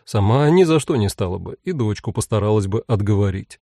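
A man reading an audiobook, telling the story in an expressive and ironic way. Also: on the low side, a little fast, no echo, studio quality. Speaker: narrator. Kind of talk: audiobook narration.

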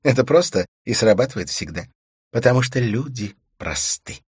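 A man's voice: medium pitch, animated, moderate pace, husky, dry recording, clean studio sound, voice pushed up. A man voicing a bold, domineering woman who talks in a teasing, commanding way.

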